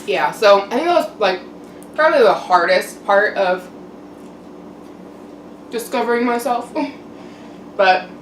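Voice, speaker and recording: A young adult woman giving a casual, candid personal monologue to camera in a reflective, halting way with frequent pauses. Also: medium pitch, lively intonation. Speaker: mukbang vlogger. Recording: roomy echo, distant mic, background noise.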